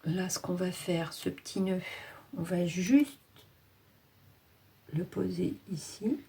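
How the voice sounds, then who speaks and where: Slow gravelly-voiced craft host. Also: female voice, on the low side, dark tone. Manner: chatty, thinks aloud, slow and unhurried. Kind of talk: casual craft tutorial talk.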